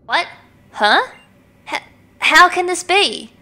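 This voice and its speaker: A woman's voice: very high-pitched, very animated, takes it slowly, sharp tone, voice pushed up, exaggerated voice. A woman reading the lines of a driven young woman who summons a dragon, in an earnest, dramatic way. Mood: distraught.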